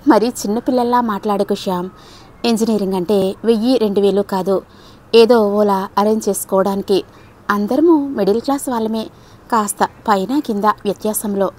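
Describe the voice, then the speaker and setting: A woman voicing a gentle, shy young woman student in an audiobook story, speaking softly and hesitantly. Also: mid-range voice, fairly even intonation, normal speed, close to an everyday voice. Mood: gently scolding. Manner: soft, hesitant, quietly reproachful.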